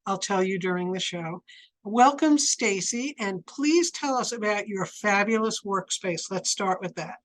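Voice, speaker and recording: A woman's voice: medium pitch, lively intonation, measured pace, low-quality recording. Woman hosting, mid-range voice. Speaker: host of a book show. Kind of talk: casual interview hosting.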